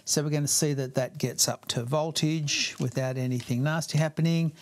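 A man's voice: a little high, steady tone, moderate pace. A man working through a guitar amp repair as a hands-on tutorial, explaining each step in a chatty way with some self-deprecating humor.

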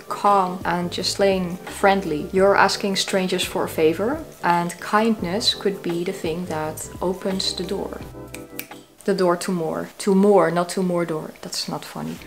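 Woman, 30s, vlogger, low voice, deadpan self-mocking asides, soft music bed. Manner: dry, self-mocking humor. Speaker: YouTube creator. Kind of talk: talking-head tips video. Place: small cozy living room, indoors.

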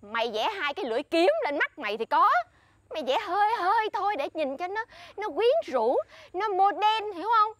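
An actress with a Southern Vietnamese accent playing a bossy, boastful friend who scolds and lectures in a comedy sketch. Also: female voice, very high-pitched, expressive, fairly quick, fairly bright tone, dry recording. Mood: scolding.

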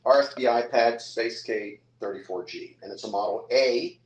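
A man's voice: mid-range voice, normal speed, dull audio. Older man auctioneering in an echoey room. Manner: chatty salesman patter with bid calling. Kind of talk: live-stream auction pitch. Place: hotel room or lounge, indoors.

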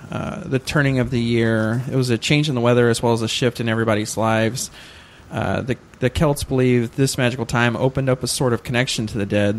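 A man on a casual podcast recounting what he researched, hesitant and often correcting himself with fillers. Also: medium pitch. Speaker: podcast co-host.

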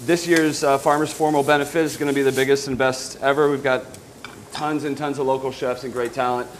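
A man's voice: mid-range voice, little pitch movement, fairly quick, a little hiss or hum. Easygoing man cooking on live TV. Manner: easygoing, repeats words often while cooking. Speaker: guest chef. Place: TV studio kitchen set.

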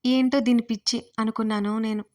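Lively woman narrating a comic audio story. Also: fairly high pitch, brisk. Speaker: writer and narrator.

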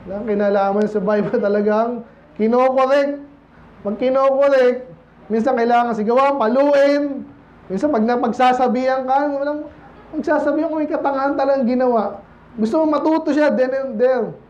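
High-voiced pastor preaching in a church. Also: male voice, normal speed, darkish tone, highs cut off. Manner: conversational preaching, calls out "Amen?" to the congregation; mixes English phrases into Tagalog. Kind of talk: Sunday sermon.

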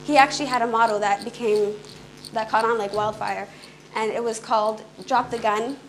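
A young woman who grew up in Canada gives an earnest, fluent public talk on stage in a small indoor room, speaking quickly with brief restarts. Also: fairly high pitch, steady tone, noisy background. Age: young adult. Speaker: conference speaker.

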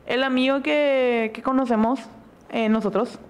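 A young woman, streaming and telling gossip in casual chat, animated and full of fillers. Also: sits high, unhurried, clear, resonant tone. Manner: animated storytelling with frequent fillers. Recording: faint background noise.

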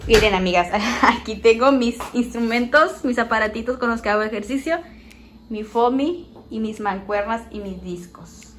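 A woman's voice: on the high side, moderate pace, a bit bright, a little hiss or hum. A woman chatting to viewers as she films a tour of her small home on a phone. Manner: chatty, addresses viewers as friends, walking while filming. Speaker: vlogger. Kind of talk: casual house tour vlog. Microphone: phone held in hand.

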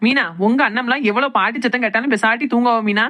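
A woman's voice: on the high side, fast, fairly bright tone, natural voice. A woman with a Kanyakumari Tamil accent playing a young daughter-in-law who defensively pleads that she did nothing wrong in a comedy skit. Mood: pleading.

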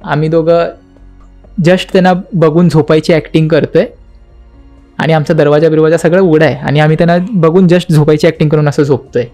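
A man's voice: a little high, steady tone, a little fast, dark tone, faint music behind. Young man telling a spooky story dramatically. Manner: dramatic retelling, acting out quotes and knocking sounds; mixes English words into his speech. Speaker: podcast guest.

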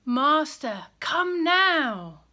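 A woman's voice: sits high, big pitch swings, drawn-out words, sharp tone, voice pushed up, full character voice. A woman voicing a breathless, frantic male messenger in a children's storybook reading, pleading in a raised voice. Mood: urgent pleading.

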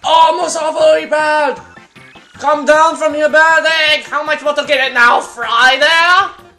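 A man voicing a frantic, fussy male egg keeper in a put-on accent, shrill and scolding. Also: fairly even intonation, a little slow, pushed and bright, soft background music, full character voice. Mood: indignant. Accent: put-on foreign accent.

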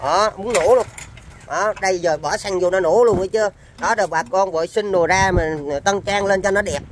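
High-pitched Southern Vietnamese man selling machinery. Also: fairly even intonation, a little fast, slight background noise. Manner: repetitive, chatty hands-on patter. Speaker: seller of used machinery. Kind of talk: informal live sales demonstration.

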